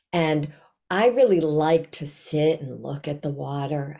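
A woman's voice: low voice, mellow. An older woman speaking as a children's author, giving a simple, encouraging lesson about feelings on a video call. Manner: simple, encouraging step-by-step instruction. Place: small indoor room at home. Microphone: video call, computer mic at desk distance.

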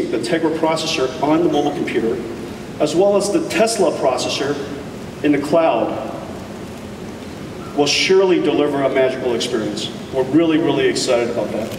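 Keynote presenter, male, enthusiastic and deliberate, slightly high voice, taped from afar in an echoey hall. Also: recorded from a distance, background noise. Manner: enthusiastic, deliberate with emphatic pauses. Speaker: keynote speaker. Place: large conference hall stage.

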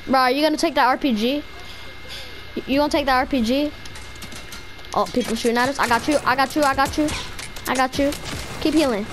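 A video game player chatting excitedly and casually with squadmates in slangy frat-bro talk full of "bro" and "bruh". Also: high-pitched, brisk, pauses often, over music.

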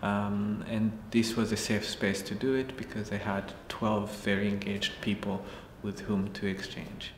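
A man in his forties from Rwanda, answering interview questions in a measured, thoughtful way. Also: lowish voice, flat delivery, slight background noise. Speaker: parliamentary staffer, program alumnus. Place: indoor room with shuttered window. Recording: echoey room with faint ambience.

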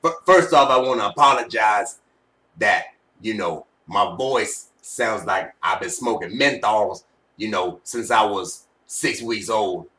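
A man voicing a gruff, apologetic sports fan with a throaty smoker's rasp, drawling and exaggerated, in a home video. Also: lowish voice, a little slow, pushed and bright. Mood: mock apology. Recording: home webcam, slightly distant mic.

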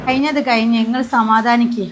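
A woman playing a gentle consoling young daughter-in-law. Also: on the high side, steady tone, brisk, heavy background noise, lightly acted. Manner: soothing, consoling. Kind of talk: amateur short-video drama. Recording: music clearly heard behind voice.

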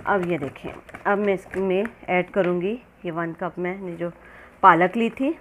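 A woman on her cooking channel talks through a recipe step by step in a relaxed, conversational teaching style. She speaks a little slowly in a lowish voice, against clear kitchen ambience.

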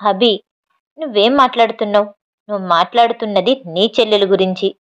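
A woman's voice: medium pitch, brisk, highs cut off, natural voice. A woman voicing a proud, cruel father who answers his family with defiance and contempt, in a storybook reading. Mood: defiant.

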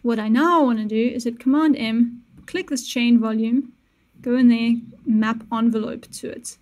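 A young woman hosts a casual screen-recorded tutorial on music production, explaining the software step by step at a normal, relaxed pace and correcting herself in quick asides. Her voice is fairly high yet mellow and soft-edged. She's recorded close on a boom-mounted studio mic, wearing headphones, in a small treated room.

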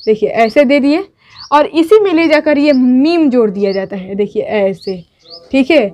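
High-pitched lady teacher at a board, goes slow, keeps checking students follow. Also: animated, darkish tone. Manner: patient, repeats each step, checks with "ठीक है". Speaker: Urdu teacher. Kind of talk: whiteboard writing lesson.

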